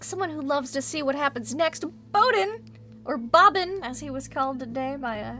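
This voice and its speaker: Woman game master w a high voice, chatting casually after the game, bit of music behind. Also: lively intonation, moderate pace, bright, forceful tone. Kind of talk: casual post-game wrap-up chat.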